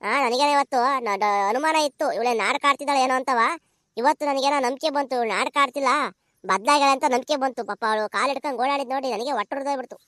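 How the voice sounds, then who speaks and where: A woman putting on a kindly old village granny in a cartoon, soothing and forgiving. Her high, bright voice chatters quickly. The recording is dry. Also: no echo. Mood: relieved.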